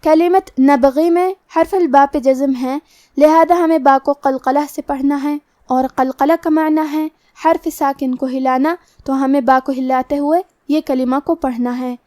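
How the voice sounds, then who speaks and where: A woman's voice: high-pitched, fairly even intonation, mellow, dry recording, clean studio sound. A woman teaching Quran recitation rules in a methodical, word-by-word explanation. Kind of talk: tajweed lesson.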